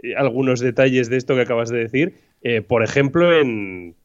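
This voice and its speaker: A man co-hosts a podcast in a relaxed, joking way, full of fillers. His pitch is ordinary, and the recording sounds a little dull and lo-fi. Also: moderate pace. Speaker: podcast co-host. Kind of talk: casual podcast chat.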